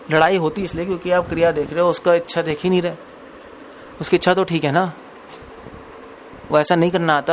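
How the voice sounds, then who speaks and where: Gravelly-voiced man giving a conversational sermon. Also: fairly high pitch, slight background noise. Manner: conversational, mixes English words, laughs between points. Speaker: preacher. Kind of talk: Hindi discourse on scripture.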